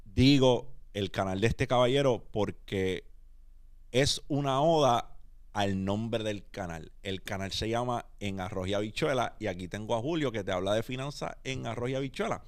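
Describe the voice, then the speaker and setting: A man's voice: on the low side, normal speed. Puerto Rican man hosting a podcast. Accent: Puerto Rican Spanish. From Puerto Rico. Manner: energetic, mixes English words into Spanish. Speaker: podcast host. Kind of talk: casual podcast conversation.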